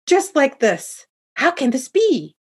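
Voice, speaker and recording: A woman's voice: mid-range voice, normal speed, husky. A woman voicing an old male farmer and father, speaking in a trembling, fearful way. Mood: shocked.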